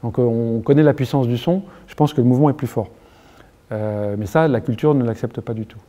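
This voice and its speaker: A middle-aged man with a French accent speaks in an unscripted interview, earnest and halting, often restarting his sentences. His voice is very dark and mellow, sitting at an ordinary pitch for a man. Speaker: motion capture engineer being interviewed.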